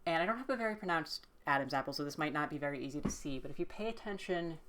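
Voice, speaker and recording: Woman, low voice, relaxed tutorial, hesitant with fillers and restarts. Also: racing. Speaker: voice training tutor. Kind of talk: casual instructional vlog.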